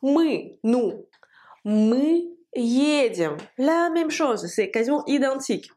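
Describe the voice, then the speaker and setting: Slow-spoken woman teaching pronunciation. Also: high voice, lively intonation, darkish tone. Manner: slow, deliberate pronunciation drills, repeating words. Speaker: Russian teacher. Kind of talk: language lesson.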